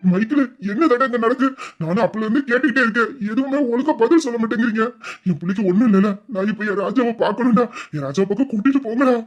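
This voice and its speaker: A frantic older father, as a voice actor puts him on in an audio drama, pleading and repeating his questions. His voice is husky. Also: mid-range voice, lively intonation, quick pace, dull audio, faint music behind, close to an everyday voice.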